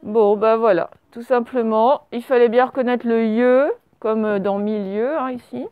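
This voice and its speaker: High, smooth-voiced woman teaching dictation. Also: steady tone, measured pace, no echo, narrow, tinny audio. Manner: patient, spells out words letter by letter; asks pupils questions and praises answers. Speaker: primary school teacher. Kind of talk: classroom dictation lesson.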